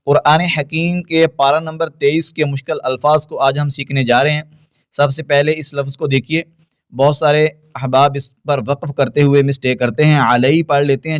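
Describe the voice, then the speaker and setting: Guy teaching quran tajweed, talks fast then chants slow, smooth clear voice, dry close sound. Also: fairly high pitch, little pitch movement, no room sound. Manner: explains quickly, then recites slowly and melodiously. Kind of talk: tajweed lesson with chanted recitation.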